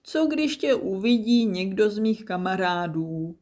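A woman's voice: medium pitch, expressive, darkish tone, natural voice. A woman voicing a young girl crocodile in a children's story, whiny and pleading. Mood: whining.

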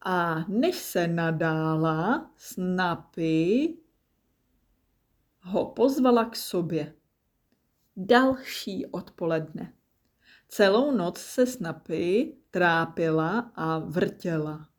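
A woman reading a children's story aloud, gentle and soft-spoken. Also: lowish voice, animated.

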